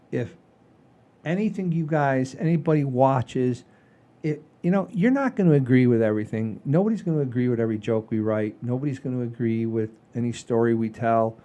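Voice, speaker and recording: With a warm, medium-pitched voice, the host of a comedy show chats casually. He pauses haltingly and repeats phrases to drive his points home.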